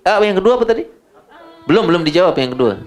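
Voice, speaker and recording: Animated Indonesian man lecturing. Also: high-pitched, quick pace, a faint crowd. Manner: animated, repeats words for emphasis. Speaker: Islamic lecturer answering audience questions. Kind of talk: informal religious lecture with Q&A.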